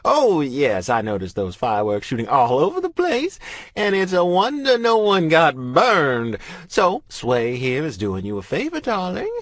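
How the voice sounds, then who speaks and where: A man's voice: on the high side, wildly swooping pitch, measured pace, no room sound, voice pushed up. A man voicing a flamboyant, theatrical male hairdresser who teases and dramatizes every line, in an audiobook. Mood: teasing flamboyant. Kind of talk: audiobook character voice.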